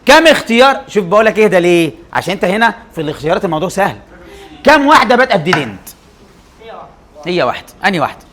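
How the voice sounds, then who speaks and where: A young man with an Egyptian Arabic accent, teaching an English grammar class. He keeps firing quick questions at his students and answering them himself. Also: high voice, big pitch swings, a bit bright.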